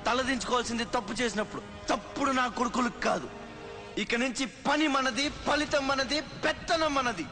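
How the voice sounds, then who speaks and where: Defiant mass-film hero: emphatic rallying oratory, strikingly high pitch, big echoing hall sound. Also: male voice, a little fast. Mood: fiery, defiant. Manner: declamatory, emphatic, commanding. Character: fierce defiant male rebel leader rallying the downtrodden. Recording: long hall reverb, music underneath.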